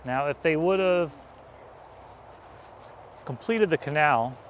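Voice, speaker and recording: A man hosting an on-location vlog, explaining things casually as a guide outdoors on a trail, with a steady drone of traffic. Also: on the high side, takes it slowly. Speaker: vlog host and explorer guide.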